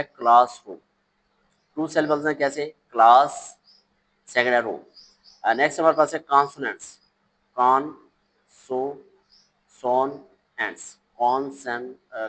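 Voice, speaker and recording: A man's voice: medium pitch, fairly bright tone, poor audio. Man teaching English. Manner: slow, reads English words aloud then explains them, with hesitations and self-corrections. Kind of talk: explaining a class three English lesson.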